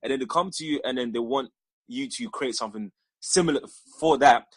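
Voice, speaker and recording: Young guy from ghana, bit husky, dry close sound, rambly interview chat. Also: medium pitch, brisk, dry recording. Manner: rambling, restarts often, laughs easily. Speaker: filmmaker guest.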